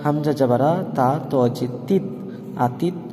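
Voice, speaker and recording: A man teaching Quran reading, spelling out syllables slowly and breaking into melodic chanted recitation. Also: on the high side, warm tone, big-room sound, faint music behind.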